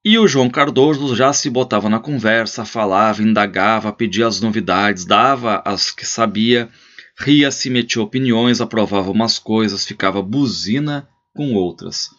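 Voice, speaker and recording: A male literature teacher reading a short story aloud and explaining it in a relaxed, conversational way. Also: lowish voice, a little slow. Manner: explanatory, frequent tag questions. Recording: slightly muffled lo-fi recording.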